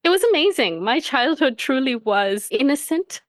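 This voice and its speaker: A woman from Tanzania, a coach, talking as a guest on a podcast, warm and quick to laugh. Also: high voice, very animated, dry recording, clean studio sound. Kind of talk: podcast interview.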